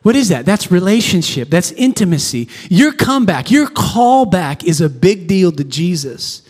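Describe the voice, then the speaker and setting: The long reverb of a church sanctuary surrounds a male pastor giving an impassioned sermon to his congregation in a noticeably high, sing-song, slightly mellow voice at a moderate pace. He repeats phrases for emphasis and briefly acts out the figures he's preaching about.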